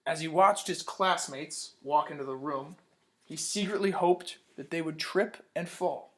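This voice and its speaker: A man with a slightly high, fairly bright voice reads unhurriedly from a picture book for children. Turning storytime into a lesson, he breaks off to ask questions and compliments their answers.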